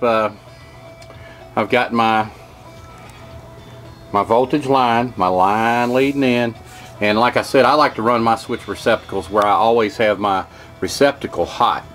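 Man, lowish voice, folksy rambling how-to tech, faint music underneath. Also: fairly bright tone. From Kentucky. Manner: folksy, rambling, lots of "uh" and "okay, y'all". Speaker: HVAC technician. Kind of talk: hands-on how-to demonstration. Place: home workshop with wood-paneled walls.

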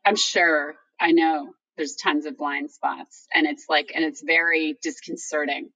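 A middle-aged woman talking candidly on a video call, telling personal anecdotes in a halting, informal way as she thinks aloud. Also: sits low, steady tone, pushed and bright. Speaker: guest author. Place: room by a bright window, indoors. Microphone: video call, distant computer microphone. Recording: distant video-call microphone.

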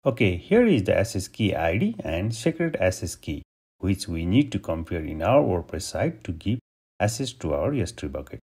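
Husky low-voiced man from Nepal. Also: moderate pace. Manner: steady step-by-step instructions. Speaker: tutorial host. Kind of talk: screen-recorded software tutorial.

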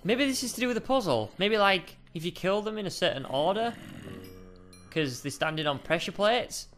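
Bright, lively man puzzling out a game. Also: sits high, normal speed. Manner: eager, thinks out loud. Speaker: gamer co-host. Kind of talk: casual game commentary. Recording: faint music behind.

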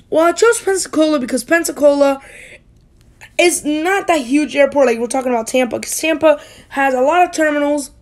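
This hobby channel is hosted by a high-pitched school-age youngster from the United States. The casual voice-over wanders and keeps correcting itself.

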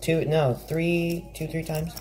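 A man's voice: on the high side, little pitch movement, slow pace, darkish tone. A teenage boy joking his way through a cooking vlog in a home kitchen. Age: teens. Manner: joking, self-mocking. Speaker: home cook vlogger. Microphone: phone camera on counter. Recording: noisy kitchen with clatter.

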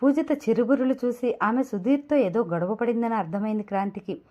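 A woman narrates a serialized audio novel, reading in an expressive storytelling way. Her voice sits somewhat high. The recording is dull and lo-fi. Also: fairly quick.

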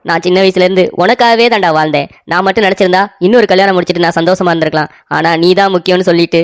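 A woman's voice: lowish voice, very fast, lightly acted. A woman voicing a sentimental, doting elderly father in a cartoon story, talking with melodramatic, pleading emotion. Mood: hurt.

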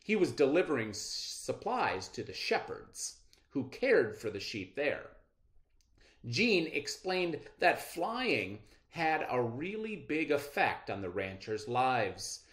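Here a middle-aged man with a medium-pitched voice teaches kids a read-aloud lesson. His delivery is measured, expressive and explanatory.

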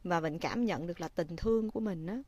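Expressive woman host. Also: on the low side, fairly quick, slight background noise. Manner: expressive, addresses viewers often, gentle when advising. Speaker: livestream host. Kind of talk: casual livestream talk to viewers.

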